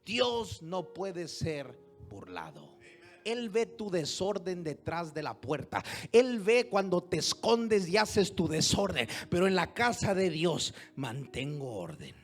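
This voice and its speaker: A man preaching a sermon as pastor, moving from hushed storytelling to loud exhortation and throwing rhetorical questions at the congregation. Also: high-pitched, sing-song, takes it slowly, faint music behind. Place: church service.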